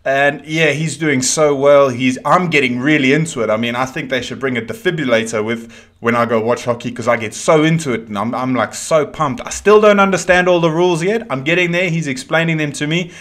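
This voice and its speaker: A man's voice: on the high side, brisk, a bit bright. Chatty man reacting at home. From South Africa. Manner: chatty and rambling, frequent restarts. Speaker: reaction video host. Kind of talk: casual reaction commentary. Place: small dim room at home.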